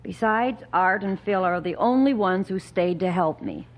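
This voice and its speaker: An actress playing a pious older widow in an old radio show, calm and earnest, reading scripture solemnly. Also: female voice, medium pitch, normal speed. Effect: old radio show broadcast. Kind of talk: 1950s radio drama acting.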